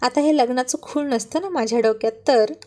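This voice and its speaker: A woman voicing a shy, affectionate young wife who gently scolds her husband, in a story read aloud. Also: sits high, brisk, close to an everyday voice. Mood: shy scolding. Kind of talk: storybook reading.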